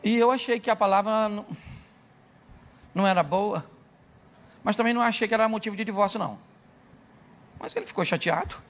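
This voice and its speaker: A man's voice: sits high, fairly quick, long pauses, fairly bright tone. A middle-aged Brazilian man preaching a humorous sermon, telling stories, acting out dialogue and asking his listeners questions. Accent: Brazilian Portuguese. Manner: jokey, acts out dialogue, asks the crowd "sim ou não?". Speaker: pastor.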